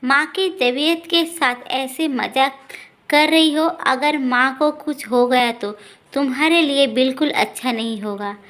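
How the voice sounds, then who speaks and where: A woman voicing a quick-tempered young man who scolds his wife. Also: sits high, fairly bright tone. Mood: angry.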